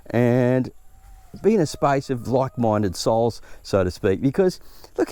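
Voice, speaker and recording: A man's voice: mid-range voice, warm tone, no room sound. A man hosts a gardening vlog, chatting in an easygoing, upbeat way while outdoors in his vegetable garden. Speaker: gardening channel host. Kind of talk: casual vlog chat.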